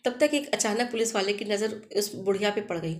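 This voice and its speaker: A woman's voice: mid-range voice, fairly quick. A woman storyteller narrating a family tale in a plain, conversational voice. She stops and restarts now and then as she goes. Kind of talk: casual spoken storytelling.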